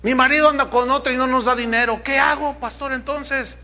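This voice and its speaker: A man's voice: very high-pitched, steady tone, a little fast, pushed and bright, voice pushed up, exaggerated voice. A man, voicing a worried churchwoman who pleads with her pastor and keeps repeating her question. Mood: pleading.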